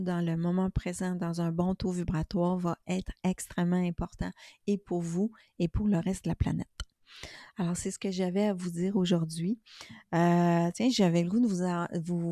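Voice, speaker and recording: A middle-aged woman with a Québécois accent, talking calmly and soothingly in a casual spiritual vlog about inner peace and tarot. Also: lowish voice, dry recording, clean studio sound. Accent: Québécois French. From Quebec. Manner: calm, soothing, gently reflective. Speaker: spiritual YouTuber and tarot reader.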